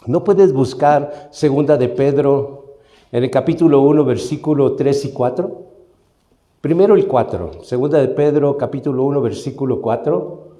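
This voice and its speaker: A man's voice: medium pitch, dark tone. A man from Mexico preaching a sermon as pastor, teaching and often asking his listeners whether they follow. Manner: teaching, asks the congregation questions. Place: church hall. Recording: echoey church room.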